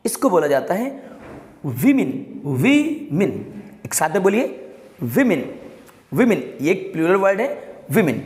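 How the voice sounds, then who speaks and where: A man teaching English pronunciation to viewers, emphatic and repetitive, drawing each word out slowly and urging everyone to say it with him. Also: sits high, gravelly. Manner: addresses viewers as guys, coaxing them to repeat. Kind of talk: classroom-style pronunciation lesson. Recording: echoey room with long reverb.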